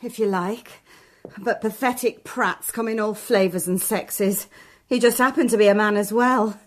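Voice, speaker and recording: A woman's voice: mid-range voice, normal speed, lightly acted. A woman playing a feisty, defiant rescuer in a radio drama, bold and exasperated.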